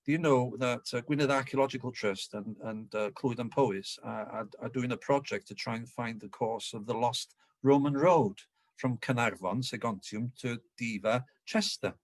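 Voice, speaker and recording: Middle-aged Welsh male speaker, lively anecdotal storyteller, mid pitch, dry recording. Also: normal speed, dry recording. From North Wales. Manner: lively storyteller who acts out dialogue. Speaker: local history speaker. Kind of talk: anecdotal public talk.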